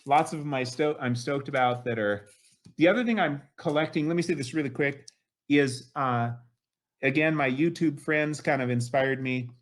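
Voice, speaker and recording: Speaking at a moderate pace with medium pitch, this guest collector in his late fifties gives a casual interview chat. He talks with enthusiasm, rambling on and frequently saying "you know".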